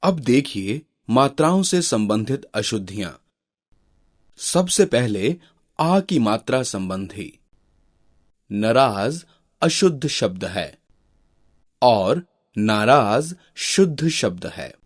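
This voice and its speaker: A man narrating a scripted grammar lesson, slowly and deliberately reading out example words. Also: mid-range voice, sing-song, breathy edge.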